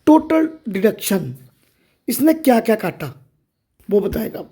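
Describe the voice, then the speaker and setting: A woman's voice: fairly high pitch, big pitch swings, a little slow, mellow, breathy edge. A woman hosting a step-by-step tutorial, explaining things directly to listeners. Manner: explanatory, addresses viewers directly. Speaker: tutorial host. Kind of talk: step-by-step screen reader tutorial.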